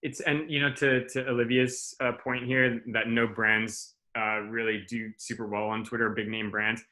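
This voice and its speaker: A man's voice: medium pitch, normal speed. A man in his thirties giving a casual class talk, loose and profane, full of fillers and restarts. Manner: relaxed, swearing, many fillers and restarts. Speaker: strategy director presenting a class. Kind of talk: casual presentation over video call.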